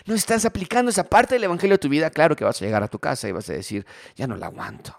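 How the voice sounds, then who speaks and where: A man preaching a sermon on marriage, animated, sometimes acting out the voices of quarreling spouses. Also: a little high, racing, gravelly, no echo, studio quality. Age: married adult. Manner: animated, acts out quoted spouses. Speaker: pastor.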